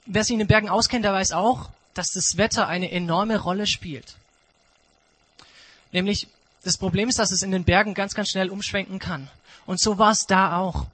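A male preacher tells a sermon story with emphatic, dramatic pacing and pauses. His voice sits high and bright, with a husky edge. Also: low-quality recording.

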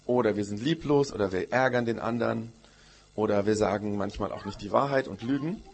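A pastor tells a Bible story to children in church, asking them lots of questions and using the word "gell." His voice is husky and medium in pitch.

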